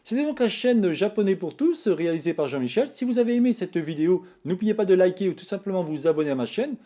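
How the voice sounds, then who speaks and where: A man explains a lesson in an easygoing, talkative way, narrating over his screen as he writes. His voice is dark and mellow but sits a little high, and it rises and falls a lot. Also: quick pace. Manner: relaxed, chatty, talks while drawing strokes. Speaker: Japanese teacher, channel host. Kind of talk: casual screen-tablet writing tutorial.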